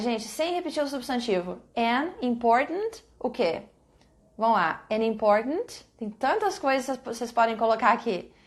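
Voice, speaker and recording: A woman teaching English to Brazilian students in a live online class. Her voice sits somewhat high, and she patiently repeats each example slowly, praising her students by name as they answer.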